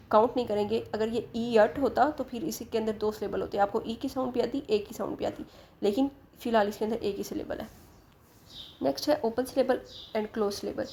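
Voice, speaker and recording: A woman's voice: a little high, a little mellow, a little hiss or hum. A woman teaching English in Hindi, spelling out letters and sounds, patiently asking and answering her own questions. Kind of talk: explaining lesson in Hindi with English terms.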